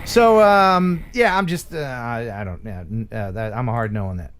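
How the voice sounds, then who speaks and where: A man's voice: medium pitch, moderate pace, a bit bright, clean tone. A man hosting a live stream in casual chat, with a joking, teasing manner.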